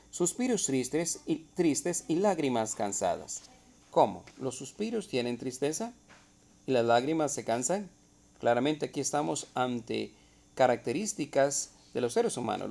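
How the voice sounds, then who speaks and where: Gravelly male teacher. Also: mid-range voice, a little mellow. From Costa Rica. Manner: explains step by step, asks rhetorical questions. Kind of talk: recorded literature lesson.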